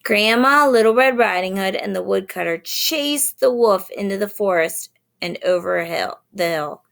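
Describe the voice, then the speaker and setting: A woman reading a children's story aloud in a gentle way, pausing to explain words for young listeners. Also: medium pitch, expressive, creaky.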